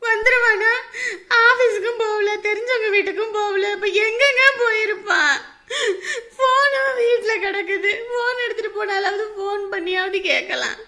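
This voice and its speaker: An actress playing a frantic middle-aged mother who wails for her missing son, her voice gravelly. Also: extremely high pitch, fairly even intonation, moderate pace, a bit bright. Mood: wailing, grief-stricken.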